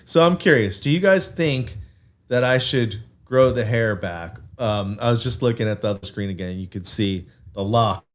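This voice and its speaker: A man co-hosting a casual fan podcast, thinking out loud with fillers and laughing at himself. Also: medium pitch, normal speed. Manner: rambling, self-amused, thinks aloud with many fillers. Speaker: podcast co-host. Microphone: desk mic with camera, streaming live.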